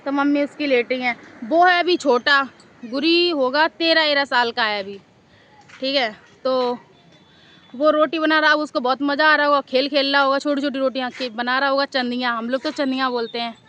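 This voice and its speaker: High-voiced woman chatting to camera. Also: steady tone, moderate pace, fairly bright tone. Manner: chatty, rambling, repeats herself. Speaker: vlogger. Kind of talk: casual storytelling to camera. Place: outdoors in a park.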